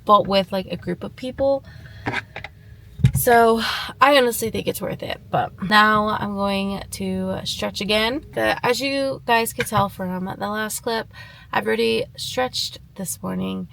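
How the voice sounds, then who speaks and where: A woman's voice: medium pitch, unhurried, gravelly, a bit bright, poor audio. A young woman talking casually to her viewers as a running vlogger. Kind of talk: casual vlog talk.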